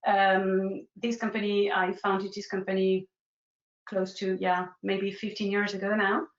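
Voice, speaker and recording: A woman, a guest who founded an agency, talking in a casual interview and pausing with many fillers. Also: mid-range voice, flat delivery, reverberant, lo-fi sound. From France.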